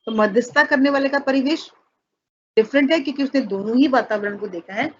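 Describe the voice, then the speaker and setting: A female teacher with a high voice lectures briskly in an online class, walking through material step by step with examples. She speaks Hindi sprinkled with English words and fondly calls her students children, over soft background music in dull, muffled audio.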